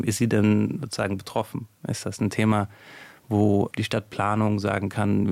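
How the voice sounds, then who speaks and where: A man's voice: on the low side, gravelly, a little mellow, dry recording. A male sociologist explaining in a radio interview, thinking aloud with fillers as he goes. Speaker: sociologist guest.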